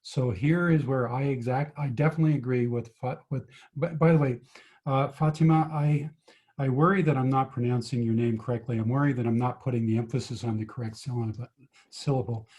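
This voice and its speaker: Guy tutoring physics on a video call, warm mellow tone, walks through it step by step. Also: medium pitch, steady tone, fairly quick. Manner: patient, explains step by step, asks students questions. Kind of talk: online tutoring lesson.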